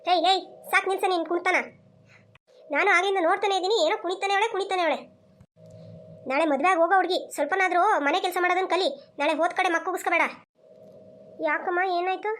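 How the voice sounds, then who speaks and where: A woman's voice: very high voice, a bit bright. A woman voicing a strict village mother in a cartoon, who scolds and nags. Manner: scolding, nagging. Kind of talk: cartoon voice acting.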